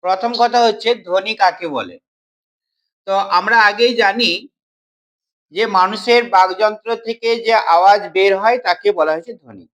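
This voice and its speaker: A man's voice: high voice, moderate pace, fairly bright tone. A male grammar teacher giving an informal classroom explanation. He talks to the student in a familiar way, says each definition twice, and checks in with short questions.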